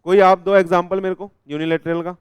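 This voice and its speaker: Teaching a live revision lecture on law, this young Indian-accented man keeps quizzing his students, jokes with them, and blends Hindi with English legal terms. He speaks fairly quickly in a high, smooth voice with a level tone and no room sound.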